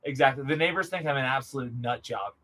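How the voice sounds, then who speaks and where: A man's voice: medium pitch, fast talker. A man hosting a casual livestream like a showman, hyping things up and repeating phrases for emphasis, in a noisy recording. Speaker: livestream host. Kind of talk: hyped casual livestream patter. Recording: clearly noisy live stream recording.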